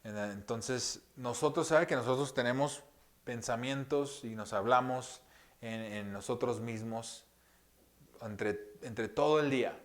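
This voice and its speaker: A man giving a conversational sermon as pastor, speaking gently with many pauses, fillers and rhetorical questions, often dropping to a hushed voice. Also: mid-range voice. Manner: drops to a hushed soft voice often. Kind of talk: sermon teaching.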